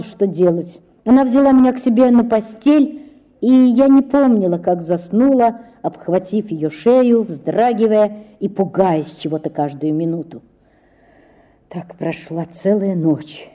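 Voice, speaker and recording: A woman narrating a literary audiobook in an expressive, emotional way, on a dull lo-fi recording. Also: mid-range voice.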